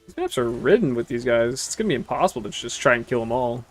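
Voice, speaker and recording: A man in his twenties talks fast at a medium pitch over faint game music. As a laid-back gaming streamer, he gives casual gameplay commentary, chatting with viewers in a relaxed, rambling way and swearing casually.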